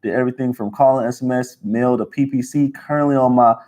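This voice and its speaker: A man in his twenties co-hosting a livestream, giving business advice in casual, energetic talk and calling people bro. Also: mid-range voice, fast, lo-fi sound. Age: 20s. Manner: energetic, slangy, calls listeners bro. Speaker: livestream co-host.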